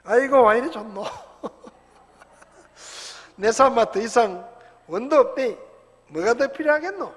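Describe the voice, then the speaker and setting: A man plays a boisterous, rough-spoken Gyeongsang countryman, booming out a psalm in a hearty folksy voice. The voice sits high and a little husky. It rings with the long reverb of a church hall. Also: expressive, slow, long pauses, heavily acted. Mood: hearty, boastful. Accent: Gyeongsang dialect, put on. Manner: loud, hearty, rustic folksy delivery.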